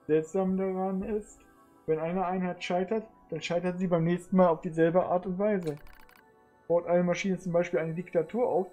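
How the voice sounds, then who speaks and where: A streamer calmly reading game narration aloud in the first person, in an even, measured manner. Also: mid-range voice.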